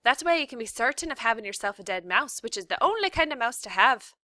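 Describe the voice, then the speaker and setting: A woman voicing a loud, bossy, brutal cook who shouts harshly and talks coarsely. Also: high voice, very animated, measured pace, no echo, studio quality, voice pushed up, full character voice.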